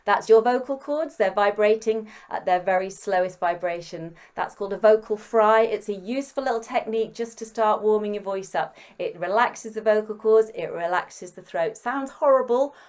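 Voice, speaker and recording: A woman singing teacher giving gentle, encouraging step-by-step breathing and vocal warm-up instructions. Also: medium pitch, moderate pace, few pauses.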